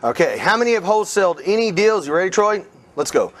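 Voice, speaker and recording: A middle-aged man leading a live real estate seminar, energetic and coaching the room with questions to the audience. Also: high voice, quick pace.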